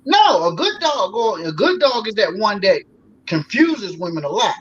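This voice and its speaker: A man's voice: high voice, very animated, moderate pace, fairly bright tone, husky. A man in his forties, a guest on a talk show, talking in a loose, folksy way with lots of fillers. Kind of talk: casual talk show conversation. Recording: slightly dull sound with faint noise.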